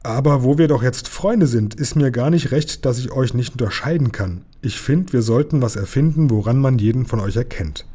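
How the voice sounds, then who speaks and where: A man reading aloud, voicing a clever young boy prince in a quiet, earnest way in his own voice. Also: mid-range voice, normal speed, few pauses, slightly rough, natural voice.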